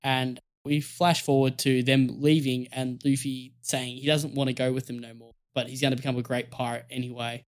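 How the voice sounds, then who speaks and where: Animated giggly podcast co-host recapping. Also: medium pitch, moderate pace, few pauses. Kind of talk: casual chat, story recap.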